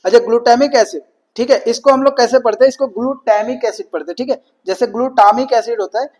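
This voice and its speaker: A man's voice: very high voice, moderate pace, a little mellow, poor audio. A man giving an exam-prep lecture, switching between Hindi and English, asking questions and answering them himself. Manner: mixes Hindi and English, repeats "ठीक है" often. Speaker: teacher.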